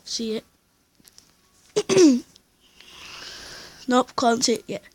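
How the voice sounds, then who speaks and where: A woman's voice: on the high side, expressive, drawn-out words, a little mellow, breathy edge. A woman thinking aloud in casual gameplay commentary while flying a plane in a simulator at home. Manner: rambling, chatty, thinking aloud. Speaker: flight sim player. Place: at home, indoors.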